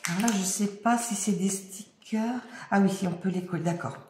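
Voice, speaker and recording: A woman chatting casually as she unboxes craft mail, her voice slightly hoarse and often dropping to a murmur. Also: medium pitch, moderate pace. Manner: soft-spoken, often murmuring to herself. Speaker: crafting vlogger. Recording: echoey room, faint noise.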